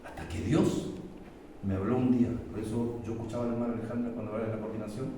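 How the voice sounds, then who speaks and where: Brief: middle-aged Chilean pastor, fervent sermon, booming then hushed, recorded from afar in a very echoey church hall. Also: male voice, fairly even intonation, rapid-fire. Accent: Chilean Spanish. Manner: impassioned preaching that swings between loud emphatic peaks and low confiding testimony. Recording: echoey church hall, mic far off, faint noise.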